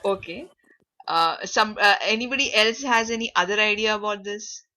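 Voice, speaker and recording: A woman runs an interactive online workshop, her tone bright and forceful. She keeps stopping with fillers while she hunts for the right word. The sound comes through a video call. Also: medium pitch, moderate pace. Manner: searching for words, many fillers. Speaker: workshop facilitator. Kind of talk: interactive online class talk.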